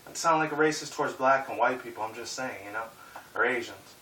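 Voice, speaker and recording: In his twenties and of Puerto Rican and Mexican descent, this YouTuber chats in a casual vlog at a quick pace, rambling, cursing and leaning heavily on "like" and "um." His medium-pitched voice is bright and forward, recorded at a distance in a roomy, echoey space with faint hiss.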